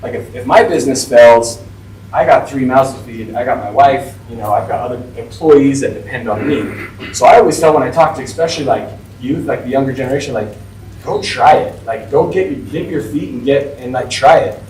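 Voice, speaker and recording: A forty-year-old man talks casually to a class as a guest speaker, chatty and loose. His voice sits at an everyday pitch. It comes from a distance in an echoey room with faint noise behind. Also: fairly quick, darkish tone. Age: 40s. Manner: chatty, informal, lots of "like" and "right?". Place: school classroom.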